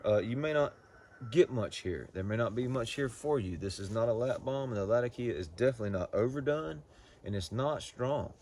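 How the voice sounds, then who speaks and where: A man giving a casual, unscripted product review in a halting, folksy way, often repeating words as he goes. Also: medium pitch, lively intonation, a little mellow, a little hiss or hum. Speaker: pipe tobacco reviewer.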